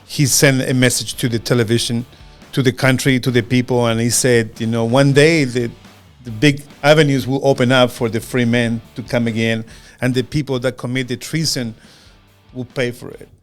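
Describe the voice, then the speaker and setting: A man in his fifties from Chile, with a Chilean Spanish accent, co-hosting a podcast in an earnest, halting way, often repeating words. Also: mid-range voice, steady tone, soft background music. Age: 50s. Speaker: podcast co-host. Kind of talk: casual podcast chat.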